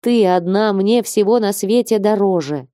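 A woman's voice: medium pitch, moderate pace, mellow, dry recording, clean studio sound, lightly acted. A woman reading an audiobook and voicing a passionate young man in love, who urges and insists.

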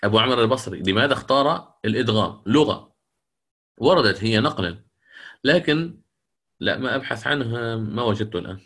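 Male recitation teacher, bright forceful tone, mid pitch, lectures and then chants verses slowly. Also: animated, husky. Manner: asks the class questions and answers them himself. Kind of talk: lecture on Quran readings.

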